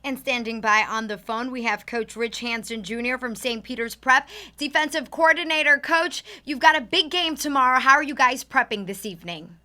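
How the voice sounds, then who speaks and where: Woman anchor on a sports show, kinda high and bright, friendly playful. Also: moderate pace, hardly any pauses. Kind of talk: live studio sports talk.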